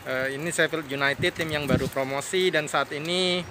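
A man's voice: on the high side, normal speed. A man in his thirties chatting casually as he walks and films outside a stadium on a handheld phone, musing aloud with many fillers. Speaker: vlogger. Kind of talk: casual walking vlog. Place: outdoors by a stadium. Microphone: phone held at arm's length. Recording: noisy outdoor phone recording. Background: street ambience and passing cars.

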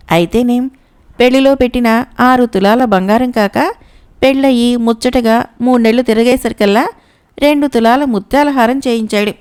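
A woman narrator voices a proud, quarrelsome young wife in a spoken storybook. She scolds in one long, unbroken stream. The voice is smooth and a little high. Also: a little mellow, close to an everyday voice. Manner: scolding nonstop without a breath.

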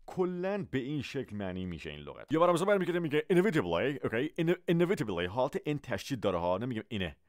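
A man whose first language is Persian, teaching English vocabulary and repeating example phrases slowly for his students. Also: mid-range voice, big pitch swings, no echo, studio quality. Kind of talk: vocabulary lesson.

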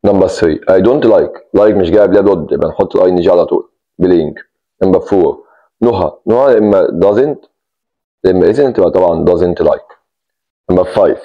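With an Egyptian Arabic accent, a man teaches an English grammar lesson step by step, repeating key words and stressing "take care". His voice is deep and moderately paced, and the recording sounds muffled.

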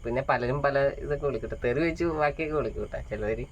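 A man's voice: mid-range voice, rapid-fire, a little hiss or hum. A young man, talking about his life in a casual, rambling vlog with many fillers. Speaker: vlogger. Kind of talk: casual personal monologue. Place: small rented home. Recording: dull lo-fi phone audio with faint crickets.

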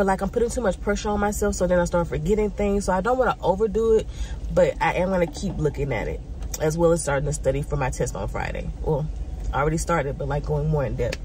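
A woman's voice: medium pitch, mellow, a little hiss or hum. Congested young woman chatting to camera. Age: young adult. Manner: chatty, rambling, many "um" and "like" fillers. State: congested, a little nasal. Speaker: vlogger, student. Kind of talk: casual vlog check-in.

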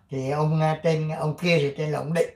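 Older vietnamese guy rambling on his channel, lots of ums and throat clearing, kinda high voice. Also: echoey room. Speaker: channel host. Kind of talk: casual commentary and reading aloud.

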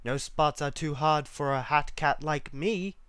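A man's voice: on the high side, a little slow, a bit bright, clear, resonant tone, no room sound, clean studio sound. A man doing a cocky, mischievous storybook cat. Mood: boastful. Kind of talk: storybook read-aloud.

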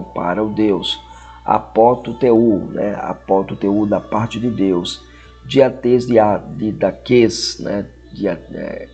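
Low-voiced Brazilian man teaching a lesson. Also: mellow, husky, lo-fi sound. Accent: Brazilian Portuguese. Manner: repeats words slowly for drilling, frequent tag questions. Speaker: Greek language teacher. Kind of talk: recorded classroom lecture.

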